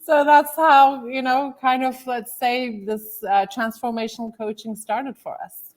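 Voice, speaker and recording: A Turkish woman in her thirties, a guest author and transformational coach, tells her life story in a casual interview chat, loose and full of fillers. Her voice is high-pitched and steady, and she speaks unhurriedly. The audio quality is poor.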